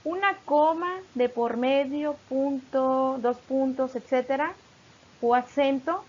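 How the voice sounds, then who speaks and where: A woman from Mexico, a teacher narrating a recorded lesson, explaining patiently and reading examples slowly. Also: sits high, darkish tone, highs cut off.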